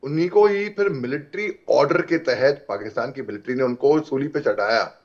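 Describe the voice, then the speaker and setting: Male debate panelist, mid-pitched, steady and explanatory, heard over a dull remote video link. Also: normal speed. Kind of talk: TV debate commentary.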